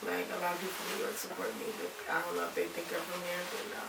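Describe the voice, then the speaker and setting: A young woman from Alabama, raised in Ohio, chatting casually in an interview, relaxed and rambling with lots of "like". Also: on the low side, very fast, creaky, distant mic, very noisy. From Alabama, raised in Toledo, Ohio. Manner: relaxed, rambling, many "like" fillers. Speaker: rapper and singer, interview guest. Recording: echoey room, voice off-mic.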